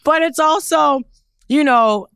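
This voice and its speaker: A woman from Newfoundland, a fashion photographer, chatting as a guest in a studio and telling stories with lively energy, casual swearing and frequent laughs. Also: sits high, slow pace. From Newfoundland, Canada. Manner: animated storyteller, swears casually, laughs often. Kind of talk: casual podcast chat. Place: podcast studio.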